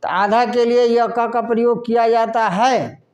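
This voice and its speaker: A man teaching a lesson in a slow classroom style, asking questions and then answering them himself. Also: very high-pitched, fairly even intonation, darkish tone, muffled recording. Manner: asks questions and answers them himself, repeating words slowly.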